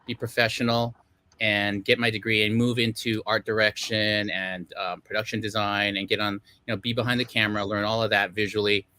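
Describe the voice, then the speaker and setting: Here a middle-aged man from Los Angeles, United States, a film director, speaks as a guest on a video call in casual interview talk. His lowish voice stays level and brisk, with a bright, forceful tone. He rambles with lots of fillers and laughs at himself.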